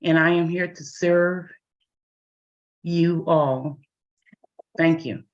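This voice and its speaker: Very slow-speaking woman on a call. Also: lowish voice, steady tone. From Texas, US. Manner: measured and polite. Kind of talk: self-introduction on a call. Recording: dull lo-fi call audio.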